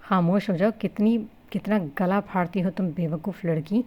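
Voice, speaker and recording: A woman's voice: fairly low pitch, fairly even intonation, muffled recording, lightly acted. A woman voicing a blunt young husband who talks in a cold, scolding way, in a novel reading. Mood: exasperated. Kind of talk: novel reading with character voices.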